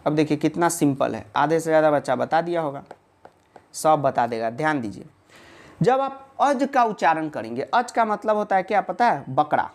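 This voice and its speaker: A man's voice: on the high side, big pitch swings, normal speed. Chatty male teacher. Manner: asks questions and answers them himself; chatty and joking, reassuring students. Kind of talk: casual online video lesson.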